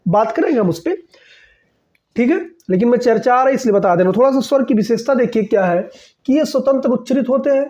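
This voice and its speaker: Mellow-voiced man teaching a grammar lesson. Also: high-pitched, highs cut off. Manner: repeats key points, frequent "ठीक है ना" checks; asks and answers own questions. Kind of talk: exam-prep grammar lesson.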